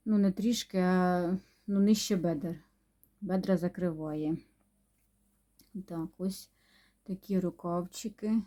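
A woman chatting unhurriedly about her knitting projects, pausing and humming as she talks, sometimes dropping to a near-whisper. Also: fairly low pitch, mellow. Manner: unhurried, chatty, with many pauses and hums. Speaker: knitting vlogger. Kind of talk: casual show-and-tell chat.

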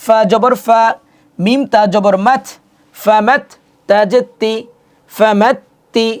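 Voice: mid-range voice, fairly even intonation, slow pace. A Quran reading teacher giving an online lesson, patiently spelling out Arabic letters and vowel marks syllable by syllable and repeating drills. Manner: patient, asks questions to the learner and answers them.

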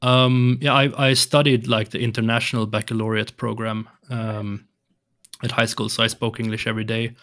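Hesitant and often restarting, a young man from Sweden whose first language is Swedish speaks English as a guest in a casual podcast interview. His medium-pitched voice keeps a level, fairly bright tone at normal speed, and he records in a home room with shelves and colored lights, wearing headphones at a large studio mic on an arm.

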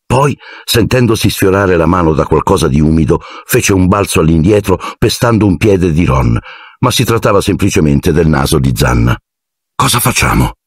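Deep husky guy narrating a story, lots of melody in his voice, dry close mic. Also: moderate pace, no room sound. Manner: expressive storytelling, shifting into character voices. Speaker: audiobook narrator. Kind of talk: scripted narration.

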